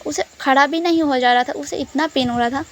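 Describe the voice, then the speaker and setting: A woman's voice: high-pitched, a little fast, a little hiss or hum. A woman casually retelling a story in a chatty way, mixing in English words.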